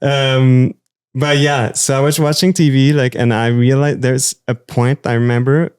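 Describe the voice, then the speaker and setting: A man's voice: medium pitch, measured pace, clean tone, dry recording, clean studio sound. A man in his thirties with a Quebec French accent, a musician chatting loosely in an interview with lots of fillers. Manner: rambling, many fillers, animated. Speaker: musician guest. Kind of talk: casual interview chat.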